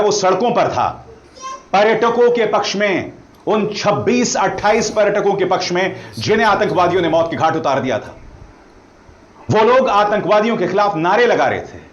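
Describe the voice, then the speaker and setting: Pointed, animated male news commentator. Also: a little high, reverberant, muffled recording.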